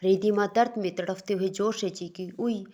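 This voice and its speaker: A woman's voice: medium pitch, steady tone, moderate pace, dark tone. A woman narrating a romance story, reading every part herself with small slips and restarts.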